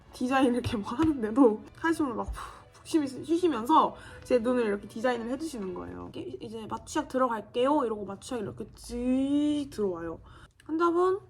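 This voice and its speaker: A woman's voice: fairly high pitch, breathy edge. Chatty young woman telling a funny story. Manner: chatty, animated, acts out quoted voices with laughter. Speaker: vlogger. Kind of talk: casual storytelling while doing makeup.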